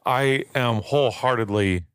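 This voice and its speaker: A man co-hosting a podcast, relaxed and laid-back, chatting casually about movies. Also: medium pitch, a little slow, clean tone, no room sound, studio quality. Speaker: podcast co-host.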